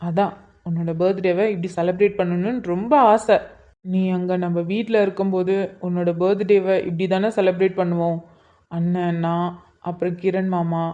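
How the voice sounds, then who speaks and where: A woman's voice: fairly low pitch, dark tone, lo-fi sound, close to an everyday voice. A woman voicing a caring, earnest younger brother in a cartoon drama.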